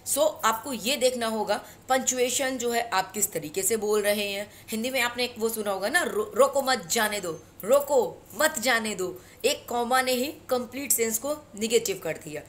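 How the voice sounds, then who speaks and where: A woman with an Indian accent teaching a spoken English lesson, switching between Hindi and English and slowing down for English phrases. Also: on the high side, fairly bright tone. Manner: mixes Hindi and English, slow deliberate English phrases.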